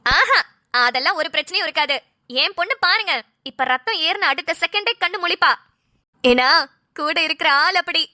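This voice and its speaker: A woman voicing a confident middle-aged mother who speaks proudly of her daughter's partner in an animated cartoon. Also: very high-pitched, moderate pace, long pauses, no room sound, clean studio sound, heavily acted. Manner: assured, proud.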